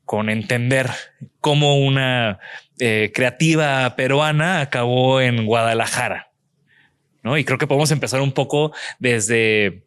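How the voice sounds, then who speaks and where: Relaxed male podcast host. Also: medium pitch, measured pace, clean tone, dry recording, studio quality. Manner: relaxed, rambling, frequent restarts. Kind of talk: casual interview chat. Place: museum house-studio.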